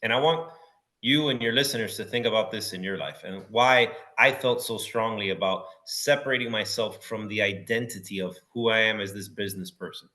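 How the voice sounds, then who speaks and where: Animated storytelling man. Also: on the low side, brisk. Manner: animated storyteller, acts out quotes, says bro and dude. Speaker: podcast guest, entrepreneur. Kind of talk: casual interview chat.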